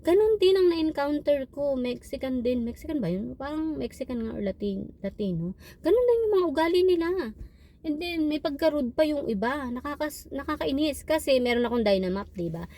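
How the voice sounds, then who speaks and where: A woman vlogger who works as a patient care technician, retelling frustrating hospital shifts in an animated, exasperated way. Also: high voice, a little fast, a little hiss or hum. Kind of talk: casual storytelling vlog.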